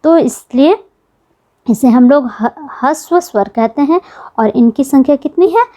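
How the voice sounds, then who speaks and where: A woman's voice: high voice, lively intonation, unhurried, mellow. A woman teaching an exam-prep grammar lesson, patiently repeating key points and asking the class questions.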